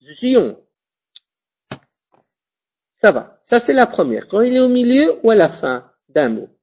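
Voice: mid-range voice, big pitch swings, darkish tone, husky. A French teacher giving a pronunciation lesson who spells out letters, repeats example words and keeps asking if the class follows. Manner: spells out letters and checks understanding often; repeats example words slowly, self-corrects. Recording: dull lo-fi recording.

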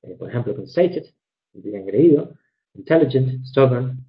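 A man teaching English grammar in a recorded lecture, measured and methodical, slowing down to read examples and correcting himself with fillers. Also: medium pitch, animated. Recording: dull lo-fi recording.

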